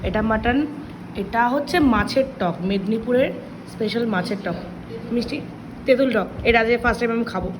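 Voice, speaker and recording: A young woman talks quickly and chattily to her phone camera, her voice sitting a little high. Steady background noise runs under the vlog. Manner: chatty, excitable. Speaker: vlogger. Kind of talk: casual vlog narration. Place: family home and outings.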